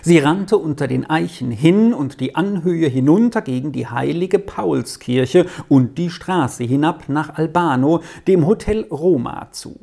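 Expressive woman reading a storybook. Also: deep voice, a little slow, vocal fry, hardly any pauses, slightly rough. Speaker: narrator.

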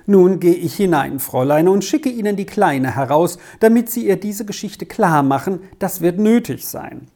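A flustered father, alarmed by every tear, as a woman reader puts him on, speaking in an agitated, exasperated rush. The reading keeps a mellow tone and lively, animated pitch in a storybook manner. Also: normal speed, few pauses. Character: flustered middle-aged father, easily alarmed.

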